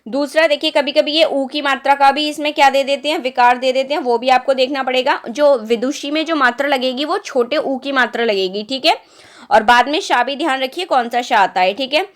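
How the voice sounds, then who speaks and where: High-voiced woman teaching Hindi spelling. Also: a little fast. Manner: patient, repetitive, rhetorical questions. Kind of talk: exam-prep spelling lesson.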